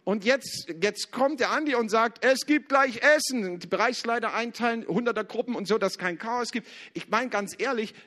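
A man delivers a church sermon in a notably high voice. He swings between loud, urgent exhortation and hushed, lowered passages. He acts out biblical dialogue with casual, everyday asides. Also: brisk. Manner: passionate, swings between loud urging and quiet lowered tones. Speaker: guest preacher. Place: church service.

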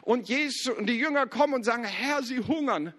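A man delivers a church sermon in a notably high voice. He swings between loud, urgent exhortation and hushed, lowered passages. He acts out biblical dialogue with casual, everyday asides. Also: brisk. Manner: passionate, swings between loud urging and quiet lowered tones. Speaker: guest preacher. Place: church service.

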